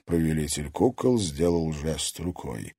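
A man narrating a fantasy audiobook with expressive storytelling. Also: extremely low pitch, a little slow, slightly rough, no room sound, clean studio sound. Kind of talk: scripted narration.

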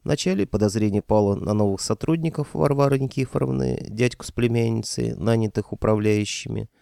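A male audiobook narrator with a dark, mellow voice and a gravelly edge, telling the story in a steady, even way. The recording is close and dry, with no room sound. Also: mid-range voice, brisk, dry recording. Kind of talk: first-person audiobook narration.

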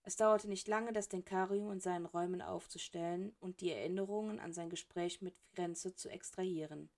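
A woman narrating a storybook audiobook in an even, steady reading voice. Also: lowish voice, fairly quick.

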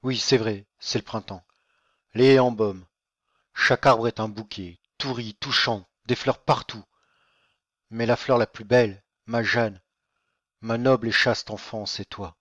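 A man's voice: medium pitch, steady tone, a little slow, fairly bright tone, no room sound, lo-fi sound, pitched below the performer's own voice. A man reading an audiobook, voicing an old ruined nobleman, a proud and despairing father, in a declamatory tone. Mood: tender. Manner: declamatory, grieving.

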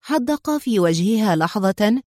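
A woman reading a story aloud in measured scripted narration. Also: medium pitch, lively intonation, mellow, no echo, studio quality. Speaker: audiobook narrator.

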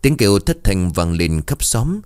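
A man reading a story aloud in an expressive, dramatic way. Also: on the low side, unhurried, smooth, no room sound, clean studio sound. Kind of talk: scripted story narration.

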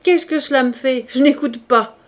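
A woman's voice: fairly high pitch, animated, moderate pace. A woman reading an audiobook, voicing a harsh, contemptuous male police inspector who barks and scorns. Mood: scornful, shouting. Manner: barking, scornful, shouting.

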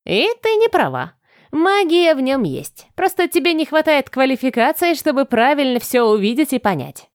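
A scheming male goblin who needles everyone with boastful mockery, put on by a woman narrating an audiobook. His voice sits fairly high and bounces around. It is recorded close and dry. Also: big pitch swings, moderate pace, dry recording. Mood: mocking. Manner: mocking, boastful.

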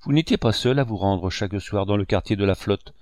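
A man reading the lines of a gentle, tearful young daughter, soft and reproachful, in his own low voice. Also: fairly quick, no room sound, clean studio sound, natural voice. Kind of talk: audiobook character reading.

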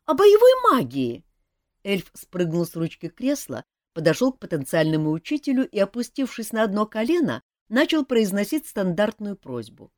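A woman reading a fantasy story aloud in a calm storytelling way. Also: medium pitch, moderate pace, hardly any pauses, no room sound, clean studio sound. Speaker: audiobook reader. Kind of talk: scripted fantasy narration.

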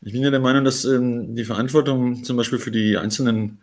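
Ein Mann diskutiert im Podcast locker und meinungsstark und lacht oft. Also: male voice, medium pitch, steady tone. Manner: quick, opinionated, laughs often. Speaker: podcast co-host. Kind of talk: casual chat.

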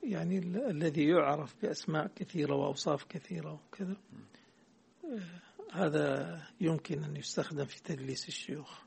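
A man's voice: a little high, fairly quick, creaky, a little mellow, slightly rough. A man teaching a hadith text in class, quizzing his student and correcting the readings.

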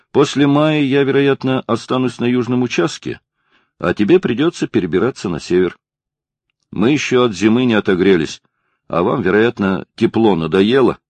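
A man voicing a brisk, cheerful expedition chief speaking over the radio, read from a storybook. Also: fairly low pitch, darkish tone, dry recording.

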